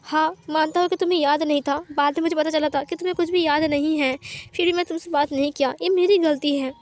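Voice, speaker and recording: A woman voicing a hurt young man who sulks and insists before softening, in a narrated story. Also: high voice, fairly even intonation, fast talker, lightly acted. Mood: remorseful. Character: young man, hurt, stubborn then tearful spouse.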